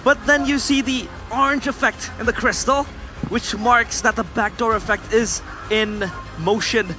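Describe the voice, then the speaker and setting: A man casting an esports match, excitable and breathless. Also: very high voice, measured pace, music in the background. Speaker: esports caster. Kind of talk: play-by-play commentary.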